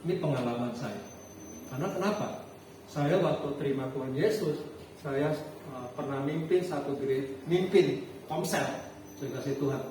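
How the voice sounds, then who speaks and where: A man preaching a sermon as a pastor, telling a personal story in an animated way with frequent halting restarts. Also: mid-range voice. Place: church hall. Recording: echoey hall, distant mic, faint noise.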